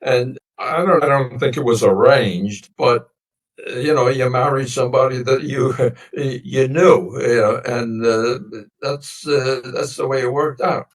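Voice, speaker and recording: Sitting far from the mic, this interview guest is an American man in his nineties who grew up speaking a Sicilian dialect. His voice is mid-range and steady as he slowly recalls family history in a meandering, reflective way with many pauses.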